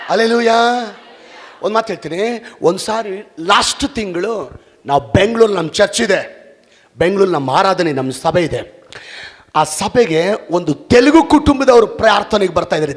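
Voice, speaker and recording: A male pastor preaching a sermon, fervent and shouting, with repeated exclamations. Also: high voice, expressive, normal speed. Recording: long reverb in a hall.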